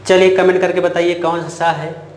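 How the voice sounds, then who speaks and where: A man's voice: sits high, little pitch movement, moderate pace, reverberant. A man teaching a grammar lesson, who says sounds over and over and asks the class questions that he then answers himself.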